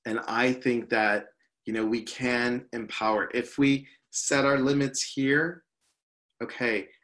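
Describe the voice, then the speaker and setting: A man's voice: medium pitch, steady tone, slow, a bit bright. Upbeat guy talking as a guest, leads workshops, keeps saying you know. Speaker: workshop leader and speaker. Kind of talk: interview guest.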